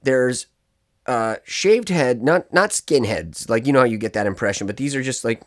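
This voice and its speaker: A man with a medium-pitched voice and a moderate pace spins a lengthy tale in a casual podcast chat, interrupting himself with side comments as he rambles along animatedly.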